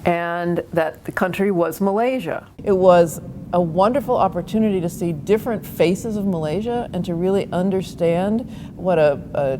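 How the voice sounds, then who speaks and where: A woman who directs an arts center, speaking in a measured, explanatory way in a documentary interview. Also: lowish voice, noisy background.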